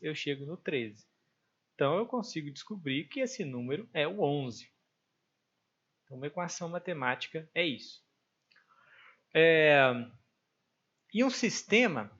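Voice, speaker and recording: A man's voice: on the high side, a bit bright. Brazilian man explaining math, lo-fi. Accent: Brazilian Portuguese. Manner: conversational, thinks aloud with fillers. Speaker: math teacher. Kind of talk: explaining exam problems step by step. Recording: dull lo-fi sound.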